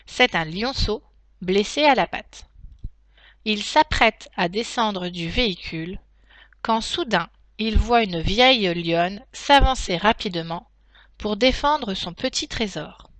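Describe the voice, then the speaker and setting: A woman teacher dictating a text to pupils, phrase by phrase, in a deliberate, carefully articulated way with pauses. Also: medium pitch, expressive, fairly bright tone, no room sound. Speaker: primary school teacher.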